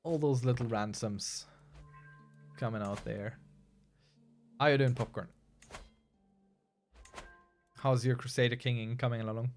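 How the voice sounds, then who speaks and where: A man's voice: medium pitch, fairly even intonation, moderate pace, soft background music. A man casually commenting as he plays a strategy game, chatty and wry, answering his chat as he goes. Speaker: streamer playing a strategy game.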